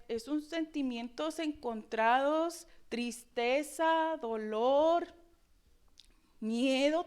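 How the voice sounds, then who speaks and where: High-voiced woman preaching expressively. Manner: expressive, dramatic rhetorical questions. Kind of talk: sermon.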